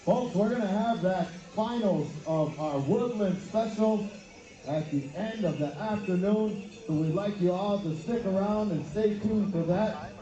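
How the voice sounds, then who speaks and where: Echoey male powwow emcee, high-pitched and muffled. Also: mellow. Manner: exhorting, folksy, drawn-out calls to dancers and singers. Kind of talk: powwow emcee announcing and rallying. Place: powwow arena, heard over a public address from a distance. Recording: echoey, dull PA sound from far off.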